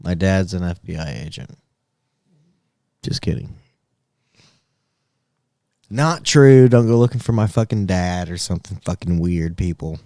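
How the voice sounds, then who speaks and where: A man's voice: low voice, animated, measured pace, pauses often, warm tone, dry recording. A man co-hosting a podcast in casual chat, joking crudely, swearing freely and laughing often. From Indiana. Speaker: podcast co-host.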